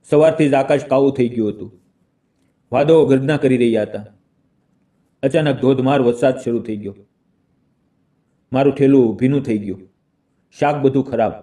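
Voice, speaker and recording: A male storyteller narrates an emotional family tale in short, measured phrases. His tone is deep, dark and mellow. He sounds a little set back from the microphone. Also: far from the mic.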